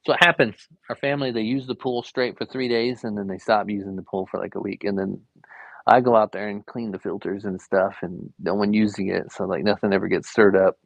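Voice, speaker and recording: Drawing live from home, this young adult art teacher and variety streamer rambles in an easygoing way, filling his chat with fillers. He speaks briskly in a fairly low, gravelly voice with fairly even intonation, and there's no room sound.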